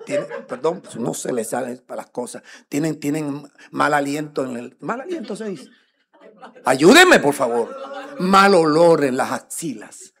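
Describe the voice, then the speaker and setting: Colombian pastor guy teaching a sermon, kinda high voice, goes loud then mumbles, cracks jokes. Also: breathy edge. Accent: Colombian Spanish. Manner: swings between loud emphatic preaching and quiet muttered asides; joking with the congregation.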